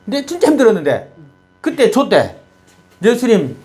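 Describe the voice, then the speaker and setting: A man's voice: huge pitch swings, moderate pace, darkish tone, soft background music. A preacher voicing a distraught young man crying out. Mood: pleading, aggrieved. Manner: pleading, accusing, voice climbing high. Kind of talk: acted quote in a sermon.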